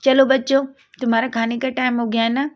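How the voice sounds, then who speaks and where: A woman's voice: a little high, flat delivery, quick pace, natural voice. A woman reading the lines of a cheerful young caretaker who asks curious questions, in a raised voice.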